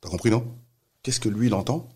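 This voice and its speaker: Brief: male storyteller, very low, rapid, animated, many restarts. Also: breathy edge. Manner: animated, acts out quoted voices, many restarts. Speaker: music manager telling a story. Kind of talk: casual storytelling chat.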